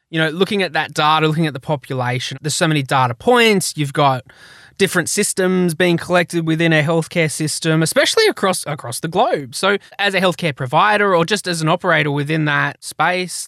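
A man's voice: on the high side, expressive, fairly quick, a bit bright, no room sound, studio quality. A man hosting a podcast in a chatty, informal, chummy way. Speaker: podcast host.

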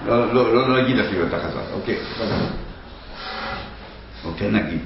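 A man teaching a Bible lesson to a class, talking haltingly with many restarts and fillers. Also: fairly low pitch, vocal fry, very echoey, lo-fi sound, noisy background. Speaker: Torah teacher.

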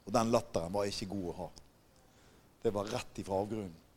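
A man's voice: fairly low pitch, darkish tone, a little hiss or hum. A man preaching a sermon, emphatic and often putting questions to the congregation. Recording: long hall reverb.

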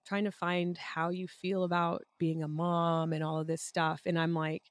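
A woman co-hosting a podcast, hoarse and raspy from a cold, chatting in a reflective way with many fillers. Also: on the low side, little pitch movement, normal speed, dry recording. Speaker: podcast co-host. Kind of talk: casual chat.

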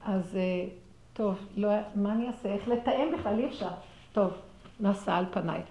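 A middle-aged woman telling a personal story in a religious talk, acting out the dialogue with animation and sinking into quiet, prayerful murmurs. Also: mid-range voice, muffled recording. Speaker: speaker sharing a personal story. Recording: roomy echo with faint background noise.

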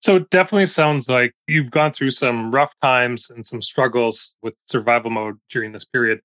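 A man hosts a parenting podcast and asks calm, measured follow-up questions. His voice sits at a middling pitch in a dry, close recording. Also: no echo. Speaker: podcast host. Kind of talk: interview questions.

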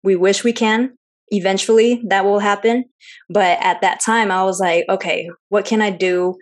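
A woman's voice: medium pitch, steady tone, moderate pace. A young woman from Seattle, co-host of a travel podcast, chatting in an interview with lots of fillers and easy laughs. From Seattle, United States. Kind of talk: casual interview chat.

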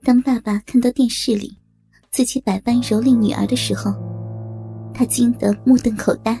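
A woman's voice: a little high, steady tone, normal speed, creaky, warm tone, soft background music. A woman reading a dramatic family story aloud as a storyteller. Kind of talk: scripted story narration.

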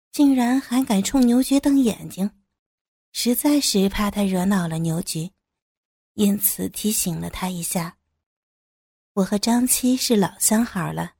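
A woman's voice: medium pitch, mellow, slightly rough, no echo, clean studio sound. A woman narrating a first-person story as an audiobook, in a knowing, lightly mocking manner.

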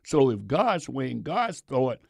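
Gravelly, lively preaching man. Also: mid-range voice, measured pace, no room sound, clean studio sound. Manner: preaching with sudden shouts and drops, repeats phrases. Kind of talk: sermon.

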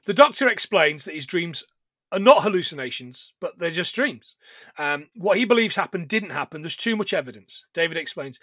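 A man's voice: on the high side, normal speed, no echo, studio quality. A man co-hosting a casual chat, recapping a film with lots of laughter and swearing. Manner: animated, sweary, laughs a lot. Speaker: podcast co-host recapping a film.

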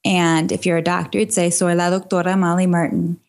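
Low-voiced woman doctor, patient teacher. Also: flat delivery, darkish tone. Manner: teaching phrases slowly with frequent laughs. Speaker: physician guest. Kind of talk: casual interview answers.

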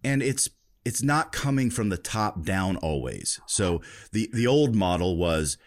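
A male podcast host interviewing a guest in a relaxed, thoughtful way, often restarting his sentences. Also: fairly low pitch, a little slow. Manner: thoughtful, with frequent restarts and fillers. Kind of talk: conversational interview.

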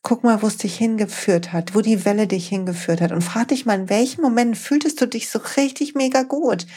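A woman's voice: a little high, a little fast. Encouraging German woman podcast coach. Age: 40s. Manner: warm, encouraging, speaks directly to listener. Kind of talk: motivational podcast monologue.

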